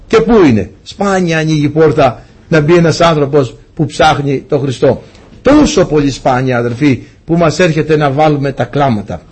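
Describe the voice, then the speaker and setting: Husky, lively man preaching. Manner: lively preaching, rising in pitch and laughing at his own stories. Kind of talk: sermon.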